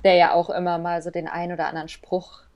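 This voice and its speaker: A woman's voice: fairly low pitch, flat delivery, quick pace, highs cut off. A woman co-hosting a casual chat, curious and talkative, dropping English slang into her speech.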